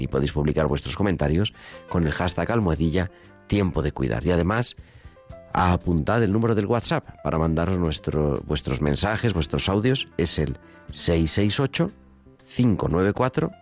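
A man from hosting a live radio program and briskly reading out contact details for listeners. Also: deep voice, a little mellow. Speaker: radio host.

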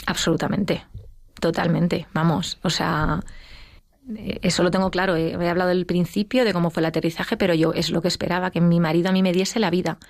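A middle-aged woman with a Spanish accent, telling her personal story as an interview guest, emotional and quick. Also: fairly low pitch, fairly even intonation, creaky, no room sound. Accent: Spain. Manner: fast, emotional storytelling with acted quotes. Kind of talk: personal testimony in conversation.

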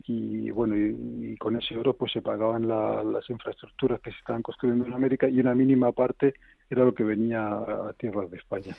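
Brief: lecturing male academic guest, gravelly voice, heard through a thin phone-like line. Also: mid-range voice, flat delivery, dry recording. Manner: measured, lecturing, with many fillers and restarts. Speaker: history of law professor, radio guest. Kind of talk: explanatory radio interview answers.

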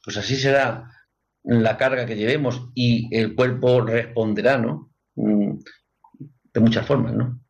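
A man reflecting on the mind on a radio talk show, softly, often closing phrases with a questioning tag. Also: medium pitch, fairly even intonation, unhurried, gravelly, highs cut off. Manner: reflective, soft, ends phrases with "¿no?".

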